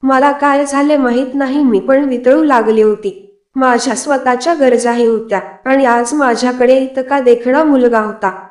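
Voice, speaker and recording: A woman narrating a first-person story in a steady, confiding way. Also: high-pitched, normal speed. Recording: echoey room.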